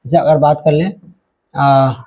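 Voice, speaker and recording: Male grammar teacher, fairly high voice, mellow and dark, steady explaining tone. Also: unhurried, husky. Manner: spells words letter by letter, repeats "ठीक है" often. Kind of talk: online grammar lesson.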